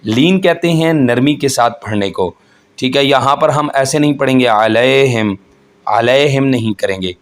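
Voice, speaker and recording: A man teaching Quran recitation rules, explaining each point slowly and patiently and chanting the verses in a melodic voice. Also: mid-range voice, animated. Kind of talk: tajweed lesson with chanted recitation.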